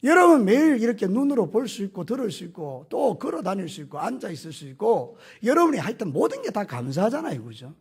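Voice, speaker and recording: A man's voice: high voice, sing-song, fast, few pauses, slightly rough. A male pastor giving a Sunday morning sermon in church. He talks straight to the congregation and asks them questions. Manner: addresses the congregation directly with questions; acts out quoted voices. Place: church sanctuary.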